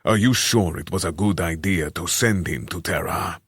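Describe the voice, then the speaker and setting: A man voicing a bearded ruler with a deep voice, blunt and distrustful. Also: moderate pace, a bit bright, breathy edge, dry recording, studio quality. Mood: wary. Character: bearded male ruler, gruff and wary.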